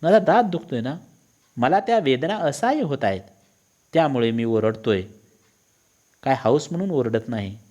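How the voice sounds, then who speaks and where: A man's voice: mid-range voice, lively intonation, moderate pace, pauses often, a little mellow, muffled recording, natural voice. Male teacher voicing a grumbling husband with a sore tooth, indignant and complaining.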